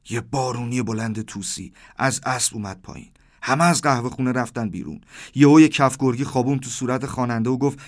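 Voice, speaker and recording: A man in his thirties tells a dreamlike first-person story in a steady, mid-range voice. His delivery stays plain through the narration, then grows more animated whenever he voices the back-and-forth of the characters. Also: medium pitch. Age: 30s.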